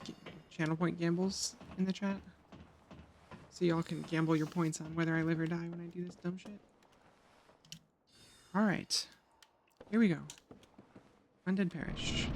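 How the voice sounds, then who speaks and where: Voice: mid-range voice, a little hiss or hum. A streamer giving casual gameplay commentary, chatty and joking, swearing now and then and talking to the chat.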